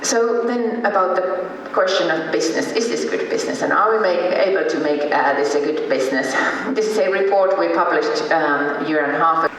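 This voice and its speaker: A man from Finland giving a conference presentation, pausing often with ums and uhs. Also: on the high side, fairly bright tone, slight background noise. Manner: hesitant, many ums and uhs. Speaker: conference speaker. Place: large conference hall. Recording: echoey hall, from far off.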